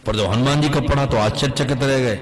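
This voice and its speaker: A man from central India at a medium pitch tells a devotional story before a gathering. He breaks into sung, chanted scripture, then slips back into lively plain narration. His storytelling is vivid, and he acts out the people in his tale. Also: quick pace. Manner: recites Sanskrit and Awadhi verses in a chanting lilt between story narration. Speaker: Ram Katha preacher.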